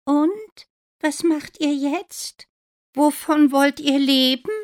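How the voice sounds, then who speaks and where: A gloomy old cat with a high, thin voice, put on by a woman reading a storybook aloud. It talks in a sighing, doubtful way, tired and weak. It sounds weary rather than lively. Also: takes it slowly. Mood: irritated.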